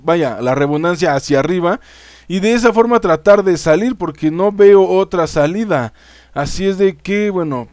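A man's voice: fairly high pitch, no echo, studio quality. A man with a Mexican accent giving casual let's-play commentary, chatting straight to his viewers and swearing freely. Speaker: gaming YouTuber.

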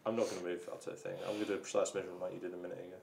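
A man's voice: deep voice, little pitch movement, very fast. A man chatting casually as he plays a tabletop game in a studio. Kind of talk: casual chat during play. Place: indoor studio at gaming table. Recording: clear background noise, table clicks.

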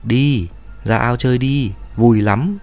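A man puts on a ghost child from a horror story, drawn out and coaxing in a sing-song way. The tone is dark and mellow, with faint music underneath. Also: mid-range voice, slow pace, vocal fry. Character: creepy ghost child luring a woman.

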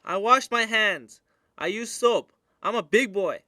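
A man reading the lines of a little boy who needs the toilet, in a scripted dialogue for learners, slow and plain. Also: sits high, lively intonation, bright, forceful tone, dry recording, clean studio sound, exaggerated voice.

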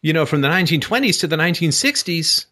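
A man hosting a call-in show, explaining at length in a conversational way, often pausing with ums and restarting phrases. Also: a little high, very animated, bright, forceful tone. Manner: hesitant, frequent ums and restarts.

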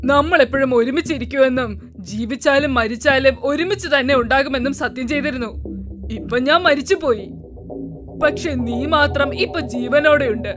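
A woman's voice: sits high, normal speed, lightly acted. A woman voicing the ghost of a dead young woman who pleads with her friend to join her. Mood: coaxing. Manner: pleading, insistent. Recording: music behind voice.

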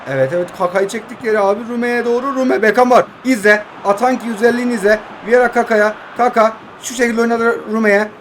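A young man in his twenties with a fairly high voice calls his mobile football match pass by pass. He jokes, grumbles at his opponent and chats to viewers like friends. A faint hum of room ambience sits under his voice. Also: fast talker, hardly any pauses. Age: 20s. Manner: excitable joking play-by-play, addresses viewers as friends. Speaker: mobile game streamer. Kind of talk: casual gameplay commentary.

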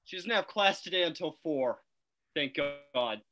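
A woman's voice: low-pitched, lively intonation, measured pace. A woman reading the part of a frantic, panicked twenty-one-year-old man in a play reading. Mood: tense. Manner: frantic shouting, pleading.

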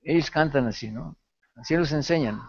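A man teaching a pastoral ethics class, telling a lively story from his own past with laughter. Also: a little high, normal speed, slightly rough, dull audio. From Mexico. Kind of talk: sermon-style lecture.

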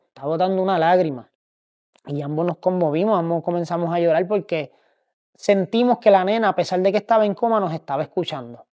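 Puerto rican guy telling his faith testimony, slow and halting, warm mellow tone. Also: a little high. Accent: Puerto Rican Spanish. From Puerto Rico. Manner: grieving, halting, with many pauses and restarts. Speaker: testimony speaker.

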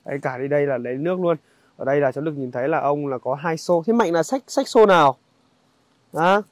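A man's voice: fairly high pitch, dry recording. Young man. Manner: halting, conversational, addresses viewers directly. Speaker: vlogger. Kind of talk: casual on-location narration to viewers. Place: outdoors in a highland village.

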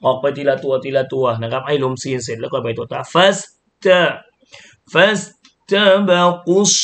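A man teaching Quran reading, explaining each sound slowly and then chanting the syllables louder and higher. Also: creaky.

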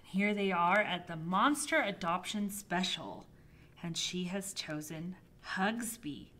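A woman librarian reading a picture book aloud to toddlers, gently and expressively. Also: on the low side, slow. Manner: gentle, expressive storybook reading with soft voices for characters. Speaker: children's librarian. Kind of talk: toddler storytime read-aloud.

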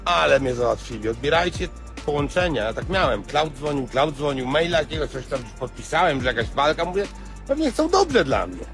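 A man's voice: a little high, very animated, fairly quick, over music. A man in his thirties rambling in a mock-confused, singsong way into a phone held at arm's length outdoors. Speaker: social media personality. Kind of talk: clowning selfie video. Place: outdoors by a city waterfront.

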